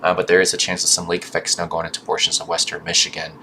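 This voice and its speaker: A man's voice: sits low, monotone, quick pace, sharp tone, a little hiss or hum. A man giving an informal weather forecast commentary, tripping over words, his speech hampered by a swollen mouth and gums. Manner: stumbles on longer words and restarts them.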